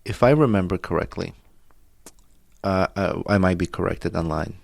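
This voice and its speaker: Deep-voiced man in casual podcast chat. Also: vocal fry, no echo. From Azerbaijan. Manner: opinionated, halting with restarts. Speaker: podcast co-host.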